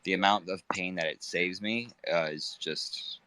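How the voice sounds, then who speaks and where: A low-voiced man with a bright, forward tone co-hosts a casual chat. He halts often and fills gaps with filler words. The sound is close and dry. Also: clear, resonant tone, dry recording. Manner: halting, full of fillers like "like". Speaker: co-host.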